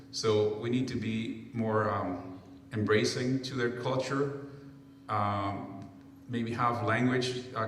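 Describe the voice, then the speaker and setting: A man's voice: on the low side, a bit bright, slight background noise. A man from Peru, a council candidate, giving earnest answers at a public forum and often restarting phrases. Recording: echoey hall, mic far off.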